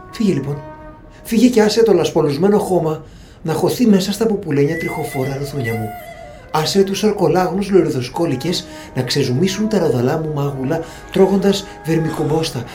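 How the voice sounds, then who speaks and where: Male actor as a lonely little creature stuck underground, self-pitying and melodramatic, high-pitched voice, comic audio drama. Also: expressive, pauses often, darkish tone, faint music behind, close to an everyday voice. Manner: melodramatic, wailing self-pity with florid invented words.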